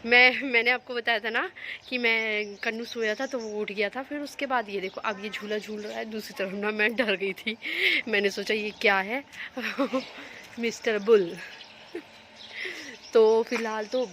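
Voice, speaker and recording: A woman's voice: a little high, steady tone, a little slow, pushed and bright, a little hiss or hum. A young woman filming a casual home vlog on her phone, chatting and rambling to viewers while she minds her children. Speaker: home vlogger and mother.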